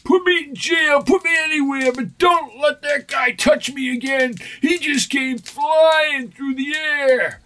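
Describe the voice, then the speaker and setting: Terrified babbling gangster, high frantic voice, old radio serial. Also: male voice, slow pace, few pauses, pushed and bright, full character voice. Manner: frantic, repetitive. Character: panicked, babbling male crook begging for jail. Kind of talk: 1940s radio serial acting. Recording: noisy vintage 1940s radio recording.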